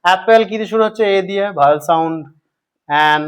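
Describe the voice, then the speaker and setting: A man with a Bengali accent teaching English grammar, asking his students questions and answering them himself, repeating key points slowly. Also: high voice, clean tone. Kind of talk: explanatory grammar lesson.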